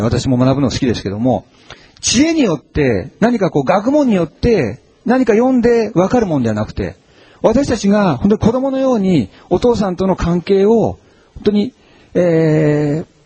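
Husky-voiced man preaching with animated pitch. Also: no room sound. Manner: conversational, animated preaching with frequent fillers. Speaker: pastor. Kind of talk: sermon.

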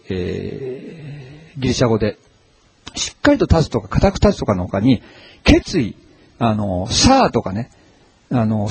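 Male pastor, mellow husky tone, lively conversational sermon, dry close sound. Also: medium pitch. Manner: conversational, animated preaching with frequent fillers.

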